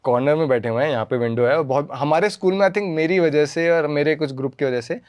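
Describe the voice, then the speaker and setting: Animated young man telling stories, dry. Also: on the high side, quick pace, smooth, no room sound. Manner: animated storyteller who acts out scenes. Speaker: actor, podcast guest. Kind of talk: casual interview talk, mixing Hindi and English.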